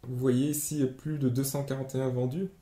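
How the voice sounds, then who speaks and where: A man giving a screen-share tutorial as an online sales trainer, explaining step by step and pausing often on fillers. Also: medium pitch, little pitch movement, mellow. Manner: explanatory, hesitant with many fillers. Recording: roomy echo.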